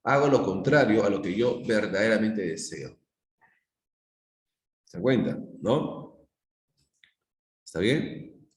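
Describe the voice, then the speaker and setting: A man's voice: fairly low pitch, expressive, slow, pauses often. A middle-aged Peruvian man teaching a psychology class, explaining with everyday examples and often checking whether the students follow. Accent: Peruvian Spanish. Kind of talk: live online class lecture. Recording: echoey room.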